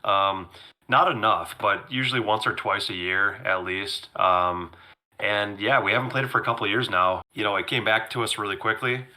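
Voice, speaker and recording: Low, forceful man losing his voice. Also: normal speed. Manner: enthusiastic, clears throat, many fillers and restarts. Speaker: podcast co-host. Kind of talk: casual chat.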